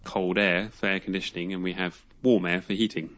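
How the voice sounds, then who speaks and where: Relaxed man chatting as a guest. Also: deep voice, brisk, muffled recording. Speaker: guest learner. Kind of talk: casual chat.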